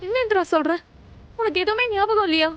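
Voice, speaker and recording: A woman's voice: extremely high pitch, quick pace, muffled recording, slight background noise. An actress playing a worried pregnant young woman who pleads anxiously, near tears, in a TV serial. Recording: TV serial with music under it.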